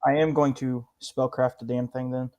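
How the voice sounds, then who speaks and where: A man's voice: mid-range voice, little pitch movement, moderate pace, darkish tone, muffled recording, slight background noise. A man chatting casually as a player in a tabletop role-playing game.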